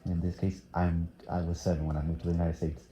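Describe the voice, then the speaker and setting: A man's voice: sits low, little pitch movement, fast talker, warm tone, roomy sound. A teenage boy from Thailand answering interview questions casually, hesitant with many fillers. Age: teens.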